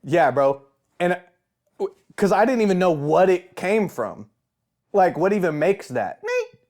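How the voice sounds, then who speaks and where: A young man co-hosting a podcast, telling a spooky story in a lively way, laughing and calling his friend bro. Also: sits high, a little slow. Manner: animated, laughing, says bro a lot. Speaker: podcast co-host. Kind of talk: casual chat, telling a scary anecdote.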